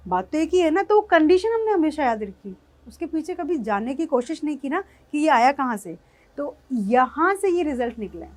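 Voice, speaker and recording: A woman with a high voice teaches maths in a lecture, working through each step slowly and carefully. She keeps checking whether the class has understood. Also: darkish tone. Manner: explains step by step, often checks whether students have understood.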